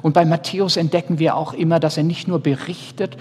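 A man in his thirties, a pastor, preaching a sermon earnestly, speaking straight to his listeners and shifting between loud and soft. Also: a little high, steady tone, fast, husky. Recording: reverberant hall, faint ambience.

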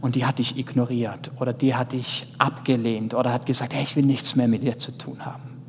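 A man in his thirties, a pastor, preaching a sermon earnestly, speaking straight to his listeners and shifting between loud and soft. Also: mid-range voice, flat delivery, fairly quick, husky. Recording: reverberant hall, faint ambience.

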